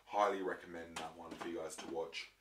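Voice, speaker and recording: Chatting casually to his viewers while displaying his disc collection, this young man rambles with lots of ums and restarts. A throat infection leaves his low-sitting voice croaky; the tone is level and a bit bright, and he talks a little fast. The mic is distant, giving a roomy sound with faint noise.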